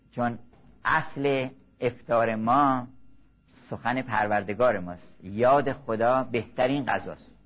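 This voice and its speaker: An older man giving a measured, exhorting religious lecture, slow and earnest. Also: medium pitch, husky. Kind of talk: sermon-style lecture. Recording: muffled lo-fi recording.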